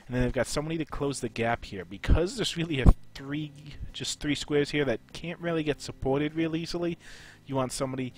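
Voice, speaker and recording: A man hosting a casual game strategy tutorial, his voice a little off after being sick. He explains in a relaxed way with frequent "uh"s. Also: a little high, brisk, slight background noise. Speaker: gaming channel host.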